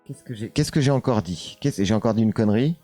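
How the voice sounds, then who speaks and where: A man with a French accent hosts a casual live stream, reading chat comments aloud and responding to them. His voice is fairly low and dark, he talks fast but hesitantly with lots of fillers, and faint music plays in the background.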